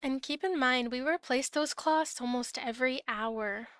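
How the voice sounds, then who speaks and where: A woman's voice: high-pitched, normal speed, fairly bright tone, smooth, no echo, clean studio sound. A woman from Ontario with a Canadian accent, telling work stories in a casual, conversational, lightly exasperated way. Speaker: storyteller recounting past food service work. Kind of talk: casual storytime narration.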